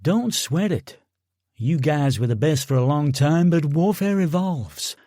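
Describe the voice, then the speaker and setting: A man's voice: fairly high pitch, lively intonation, a little slow, dark tone, dry recording, clean studio sound. A man voicing a brash, mocking American sergeant in an audiobook, talking in cocky, needling banter. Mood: taunting.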